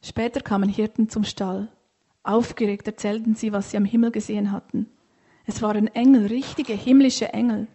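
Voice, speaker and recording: Female storyteller, gentle reading voice, soft breathy tone, mellow. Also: medium pitch, fairly even intonation, normal speed.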